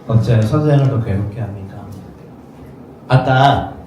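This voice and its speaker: A man's voice: mid-range voice, mellow. A man preaching a sermon as pastor, in a conversational way, often acting out the voices of people in the story. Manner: conversational, acts out quoted voices. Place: rented studio space used for worship. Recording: echoey room, mic at a distance, faint noise.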